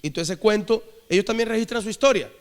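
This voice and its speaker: A man's voice: high voice, quick pace, clear, resonant tone. A man preaching a sermon, leading the congregation in repeated call-and-response phrases. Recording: long hall reverb.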